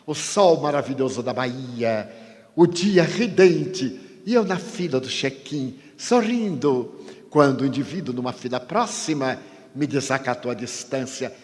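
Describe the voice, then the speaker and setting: A man giving a spiritist lecture, speaking emphatically, slowing down to stress key words, with dramatic pauses. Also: medium pitch, lively intonation, a little mellow. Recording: long hall reverb.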